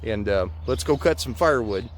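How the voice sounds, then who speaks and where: A man's voice: medium pitch, animated, brisk. Male vlogger, American, thirties, casual and hesitant, slightly muffled lip, outdoor recording with light ambient noise. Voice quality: slightly muffled speech from a lip full of dip. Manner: folksy, hesitant, rambling. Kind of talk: casual chat to camera. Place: outdoors in a farmyard. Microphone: camera or phone at about arm's length.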